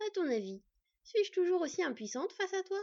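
A woman's voice: high voice, animated, normal speed, vocal fry, a little mellow, no echo, highs cut off, voice pushed up. A woman voicing a tense, defiant young fox girl.

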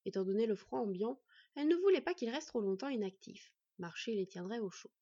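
A woman narrating a fantasy audiobook in a steady storytelling voice. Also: on the high side, fairly quick, husky, no room sound. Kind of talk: scripted narration. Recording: dull, dry recording.

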